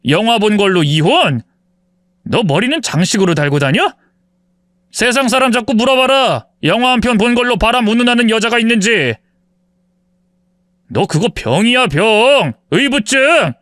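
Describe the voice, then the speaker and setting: Guy doing a scornful cheating husband, mocking, bit high-pitched, dead dry sound. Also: expressive, normal speed, fairly bright tone, dry recording. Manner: contemptuous, mocking, self-justifying. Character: arrogant cheating husband, forties, sneering. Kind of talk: dramatized story reading.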